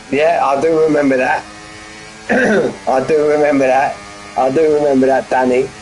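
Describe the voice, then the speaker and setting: A man's voice: medium pitch, fairly even intonation, measured pace, a little mellow, a little hiss or hum, poor audio. Bantering man calling a sim race. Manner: chatty, bantering with viewers, laughs often. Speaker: sim racing commentator. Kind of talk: live stream race commentary. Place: front room at home.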